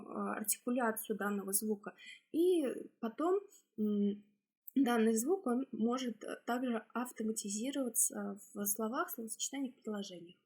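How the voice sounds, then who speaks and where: Her voice slightly husky, on the high side, and a little mellow, a female speech therapist instructs haltingly as she explains each exercise step by step.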